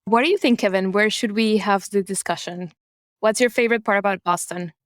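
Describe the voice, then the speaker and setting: A woman's voice: medium pitch, a little fast, no echo, studio quality. A woman, a cardiology fellow guest, chatting in a friendly way on a podcast. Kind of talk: casual podcast conversation.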